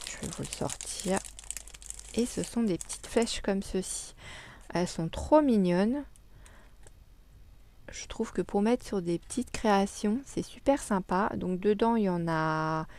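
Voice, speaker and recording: A woman's voice: medium pitch, creaky, a little mellow, no room sound. Chatty woman showing her craft finds. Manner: chatty, many fillers and hesitations. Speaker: scrapbooking vlogger. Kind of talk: casual show-and-tell haul.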